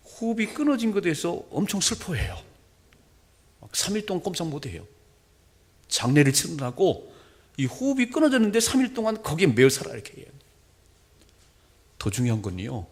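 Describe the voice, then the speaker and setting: A middle-aged male pastor preaching a sermon, moving between soft murmurs and loud emphatic lines. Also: mid-range voice, husky.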